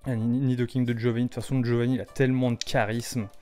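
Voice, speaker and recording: Man, mid pitch, casual vlog chatter, bursts of excited shouting, faint background music. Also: quick pace. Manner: excitable, exclaims loudly over cards. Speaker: card-opening YouTuber.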